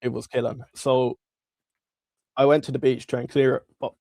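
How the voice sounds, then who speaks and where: Male livestream host, chatty market commentary, congested swollen-tonsils voice with gravelly fry, dry sound. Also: medium pitch, little pitch movement, moderate pace, warm tone, no echo. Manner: informal, chatty, addressing viewers. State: congested, strained throat from tonsillitis and a cold. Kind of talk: casual live stock market commentary.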